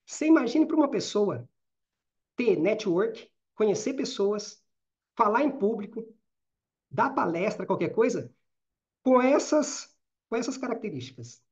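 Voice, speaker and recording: A middle-aged Brazilian man with a Minas Gerais Portuguese accent leads a live online session as a career and networking trainer. He is high-pitched and very animated, talking fast and informally and checking in with the audience through frequent "né?" and "certo?" tags. The lo-fi audio sounds muffled and slightly dull.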